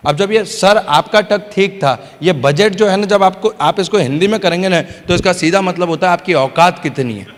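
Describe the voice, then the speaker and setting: Guy doing a motivational seminar, keeps asking the crowd yes or no, funny storyteller, pretty high voice, long hall echo. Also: moderate pace, hardly any pauses. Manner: energetic, repeatedly asks the crowd "yes or no"; storytelling with acted-out dialogue and humor. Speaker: motivational business trainer. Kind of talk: motivational seminar talk to a live audience. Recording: hall reverb.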